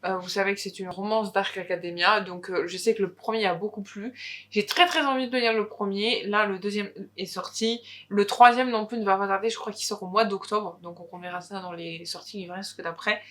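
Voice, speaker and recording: A woman's voice: mid-range voice, fairly even intonation, brisk, fairly bright tone. Chatty woman presenting new books. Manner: chatty, hesitant with many fillers. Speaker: book video co-host. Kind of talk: casual book chat.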